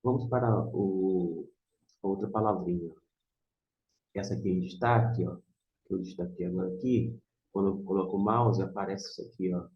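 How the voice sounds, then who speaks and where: This informal screen lesson on Biblical Hebrew comes from a man with a Brazilian Portuguese accent who didactically repeats and sounds out words. He has a low voice, steady tone and moderate pace. The audio is muffled and echoey.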